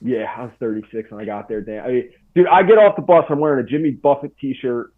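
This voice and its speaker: A man's voice: mid-range voice, animated, quick pace. A man in his forties, a podcast guest, telling a story in a casual, slangy way. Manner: laid-back, slangy, full of "dude" and "bro". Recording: tinny phone-like line.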